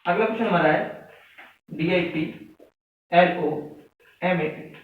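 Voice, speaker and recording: Male maths teacher, high voice, counts aloud step by step; far from the mic in an echoey room, phone-like sound. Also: takes it slowly. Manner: counts aloud step by step, asks students questions. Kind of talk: classroom lesson explanation.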